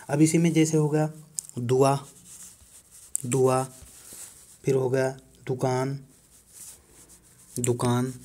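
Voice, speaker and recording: A man teaching a lesson, reading a word list slowly and saying each word twice. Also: mid-range voice, darkish tone. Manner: slow, repeats each word twice while writing on a board.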